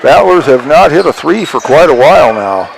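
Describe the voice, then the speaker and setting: A man's voice: a little high, big pitch swings, moderate pace, gravelly, a crowd in the background. A man announcing basketball live in terse, clipped phrases, in a sports play-by-play style. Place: indoor gym during a game. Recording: noisy live gym broadcast. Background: bouncing basketball, gym ambience.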